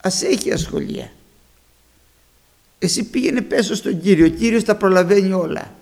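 A man's voice: sits high, gravelly. A male preacher addressing his congregation, retelling Bible stories and acting out the voices of the people in them. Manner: animated storytelling, acting out biblical voices. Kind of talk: sermon.

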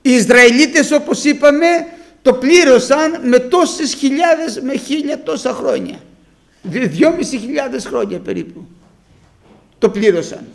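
A male preacher delivering a sermon with a very high, gravelly voice. His pitch rises and falls in a lively way as he retells conversations. He moves between quiet asides and emphatic bursts.

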